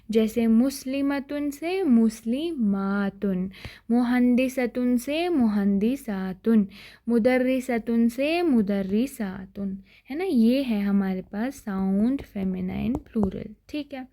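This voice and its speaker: A fairly high-pitched woman teaches a grammar lesson. Her tone is dark and mellow. She explains patiently, repeats key words and keeps checking that her listeners follow. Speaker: Arabic teacher.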